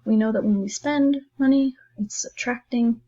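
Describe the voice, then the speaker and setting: A woman's voice: fairly high pitch, normal speed, dark tone, lo-fi sound. A woman teacher talking her class through a math lesson in a recorded distance-learning video, chatty and encouraging, thinking aloud as she writes.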